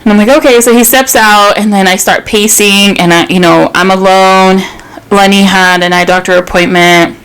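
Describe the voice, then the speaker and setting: A woman in her thirties co-hosting a casual podcast. She tells a personal story in candid, chatty fashion, swearing freely. Her voice sits at a middle pitch. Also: fairly even intonation, moderate pace, a bit bright, clear, resonant tone, poor audio. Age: 30s. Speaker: podcast co-host. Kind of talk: casual chat.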